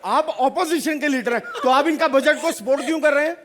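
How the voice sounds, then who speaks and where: A man's voice: very high voice, fairly quick, a bit bright. A pleading poor common man. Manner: pleading, complaining. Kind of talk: stage comedy sketch.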